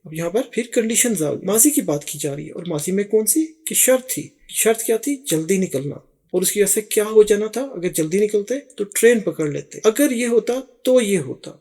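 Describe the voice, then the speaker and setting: A man teaching English grammar, explaining in quick Urdu and slowing down to spell out each English example. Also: high-pitched, animated, mellow.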